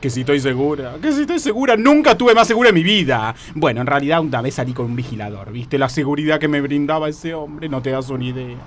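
A man's voice: fairly even intonation, fast, few pauses, slight background noise, close to an everyday voice. A man playing a fussy, prudish old woman who gossips, with a Rioplatense Spanish accent, in a comedy sketch. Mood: gossipy. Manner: shrill, scandalized, exclamatory.

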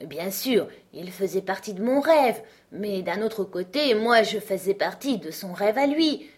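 A woman's voice: mid-range voice, expressive, measured pace, darkish tone, husky. A woman voicing Alice, a curious, chatty young girl who fondly scolds her cats in a storybook reading.

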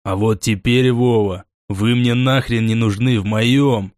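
A man's voice: mid-range voice, steady tone, measured pace, darkish tone, no room sound, natural voice. Guy doing a cocky mean clan boss, taunting, mid voice, dry sound. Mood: mocking. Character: mocking, cruel male clan leader.

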